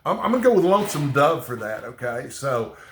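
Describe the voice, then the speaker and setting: In a casual ramble to camera, this booktuber with a hint of Texas in his voice repeats "okay?" often and breaks off to start sentences over. His medium-pitched delivery is sing-song, and the roomy recording has a little hiss or hum.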